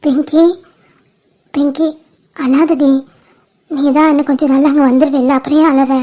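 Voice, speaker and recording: Gentle young bride, voiced by a woman; high, even, mellow voice; slow earnest advice; homemade cartoon. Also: natural voice. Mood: comforting. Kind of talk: amateur cartoon voice acting.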